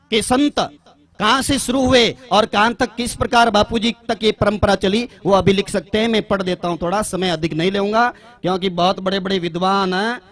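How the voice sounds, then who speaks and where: A man addressing a religious gathering in a formal public talk, reading out a long list of names in slow, repeated phrasing. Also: high voice, a bit bright.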